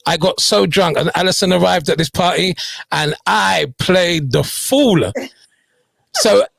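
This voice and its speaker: Gravelly-voiced male radio host. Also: sits high, animated, unhurried, fairly bright tone, no echo. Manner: chatty, joking, self-mocking. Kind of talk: casual on-air chat and song introductions.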